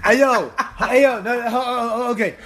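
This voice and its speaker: A man co-hosting a casual chat, excitable and slangy, often repeating words in quick bursts. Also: extremely high pitch, a little hiss or hum. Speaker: podcast co-host.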